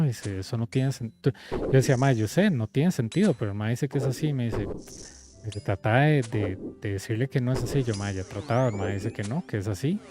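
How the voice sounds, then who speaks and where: A young man with a Costa Rican accent casually telling a work story while playing a game, acting out the people he quotes. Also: medium pitch. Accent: Costa Rican Spanish. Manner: animated, acts out quoted people in conversation. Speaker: game coach streaming gameplay. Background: game music.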